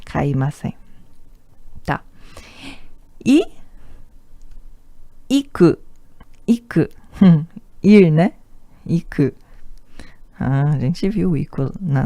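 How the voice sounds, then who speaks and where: Slow, patient woman teaching a lesson. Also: deep voice, gravelly, mellow, no echo, studio quality. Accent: Brazilian Portuguese. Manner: patient, repeats words often, tag questions. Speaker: Japanese teacher. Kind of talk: online language lesson.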